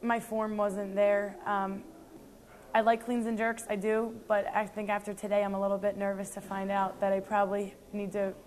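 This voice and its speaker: A woman's voice: mid-range voice, completely flat delivery, moderate pace, darkish tone. A young woman, a CrossFit athlete, giving earnest interview answers with frequent ums and restarts.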